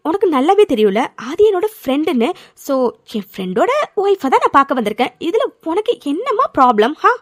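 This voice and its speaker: A woman voicing a calm young woman in a cartoon serial, patiently coaxing and often ending with a questioning "ha?". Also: very high voice, dry recording, clean studio sound.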